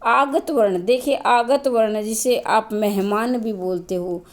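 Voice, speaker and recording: In a classroom-style grammar lesson, a woman teacher talks slowly in a slightly high voice. She breaks things down step by step, answers the questions she raises, and restates important points to her students.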